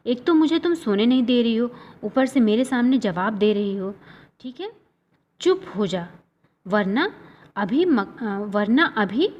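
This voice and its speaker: A woman voicing an angry, short-tempered male lion, king of the jungle, who threatens loudly in a storybook reading. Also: fairly high pitch, animated, measured pace, highs cut off. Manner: loud, threatening roars.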